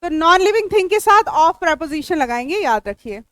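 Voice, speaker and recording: A woman's voice: very high-pitched, expressive, normal speed, a bit bright, no room sound. A woman with an Indian accent, teaching English grammar to a classroom, explaining step by step and quizzing her students. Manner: chatty and joking with students. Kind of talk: classroom lecture.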